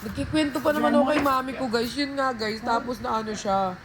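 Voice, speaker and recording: Speaking into her phone on a casual livestream, a woman rambles through a story, addressing her viewers as "guys" and "be." Her voice sits high and brisk against a noisy background.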